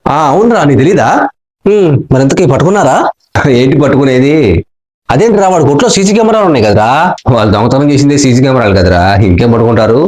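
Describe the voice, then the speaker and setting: A man trading quick jokes in a comic question-and-answer skit, teasing with punchline replies. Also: medium pitch, sing-song, darkish tone. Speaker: comedian.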